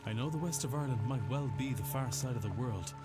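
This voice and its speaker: A man voicing a grave letter writer over loud music. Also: medium pitch, fast, lightly acted. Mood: urgent. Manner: grave, formal and urgent. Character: man writing an urgent, pleading letter. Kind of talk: video game voice acting.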